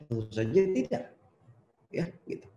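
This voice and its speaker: A man's voice: a little high, sing-song, normal speed, creaky, dark tone, highs cut off. A man, a psychologist, giving a conversational online seminar lecture to students and posing rhetorical questions. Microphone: video call. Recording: roomy echo.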